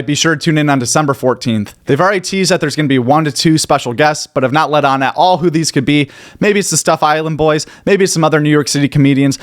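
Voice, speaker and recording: A man hosting a comedy news update in a brisk, jokey delivery. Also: a little high. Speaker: host.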